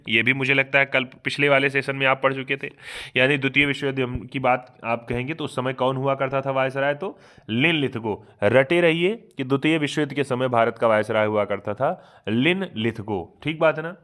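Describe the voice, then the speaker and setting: A man giving a fast online exam revision lecture, asking questions aloud and answering them himself, often checking in with his students. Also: medium pitch, fairly even intonation, bright, forceful tone, clean tone. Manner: quizzes himself aloud, keeps asking "ठीक बात है ना". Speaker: exam coaching teacher.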